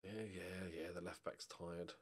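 Into a close desk microphone, a middle-aged streamer talks casually and profanely about his football manager game, speaking to the players and the viewers. His deep voice is delivered completely flat at a normal speed.

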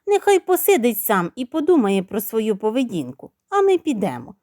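Woman doing a firm mother hen, motherly and lively. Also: fairly high pitch, normal speed, no echo, studio quality. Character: bossy caring mother hen.

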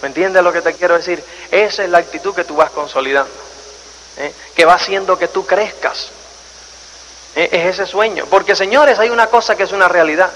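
A man's voice: high-pitched, a little fast. A man giving a live motivational seminar, telling stories animatedly and firing rhetorical questions at the audience. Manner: animated storyteller, acts out scenes and asks the audience rhetorical questions. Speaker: motivational speaker. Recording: reverberant hall with faint noise.

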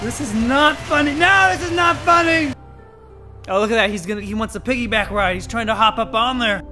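In this let's-play clip, the host's excitable tusked walrus sounds close to an everyday voice: mid-range, fast, pushed and bright. He still yelps and shrieks at the game in playful commentary, with faint music behind him.

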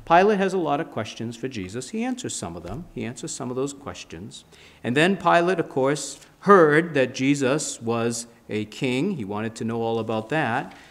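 A man's voice: medium pitch, animated, moderate pace. A man in his fifties, a pastor preaching a sermon at a church pulpit with emphatic, gesturing delivery. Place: church sanctuary, standing at a pulpit. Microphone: pulpit mic, filmed by a fixed camera.

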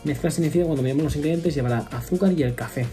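A man's voice: on the high side, racing, dark tone, soft background music. A man in his thirties giving casual step-by-step nutrition advice at home on a webcam, with fillers and self-corrections. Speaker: nutrition vlogger. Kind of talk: casual explanatory vlog. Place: home room with wooden ceiling, indoors.

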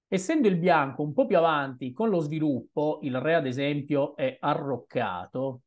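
This young chess streamer comments on his moves as he plays, his thoughts unhurried and broken by hesitant asides. His slightly high voice is picked up by a webcam at his desk in a small room.

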